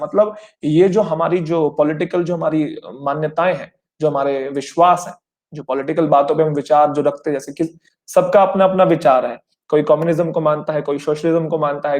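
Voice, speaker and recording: A man's voice: fairly high pitch, a little mellow. A young man teaching an exam-prep vocabulary lesson, mixing Hindi and English and checking in with students often. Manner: explains in Hindi with English terms, addresses students as children; repetitive, checks in often with rhetorical questions.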